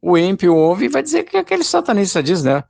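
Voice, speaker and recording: A man's voice: high voice, huge pitch swings, fast talker, vocal fry, a little mellow, no room sound. A man giving a rambling, informal spoken sermon and calling his listeners brothers. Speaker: lay preacher.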